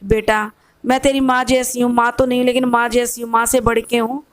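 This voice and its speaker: A woman's voice: a little high, little pitch movement, a little fast, natural voice. A woman voicing a kind, patient mother-in-law. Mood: coaxing. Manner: soothing and reassuring.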